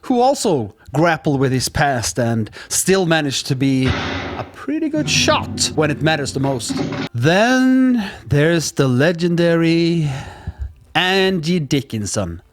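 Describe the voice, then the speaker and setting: A man's voice: on the high side, big pitch swings, takes it slowly, noisy background. A man giving a playful, self-mocking film review who often trips over his words. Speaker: movie reviewer. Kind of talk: scripted film review with jokes.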